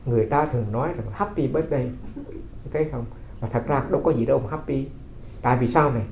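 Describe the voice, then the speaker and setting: Monk guy talking dharma fast, lots of "right?" questions, dull echoey room sound. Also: medium pitch, gravelly, slight background noise. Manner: conversational storytelling with rhetorical questions. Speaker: Buddhist monk. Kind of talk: dharma talk. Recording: roomy, slightly dull recording.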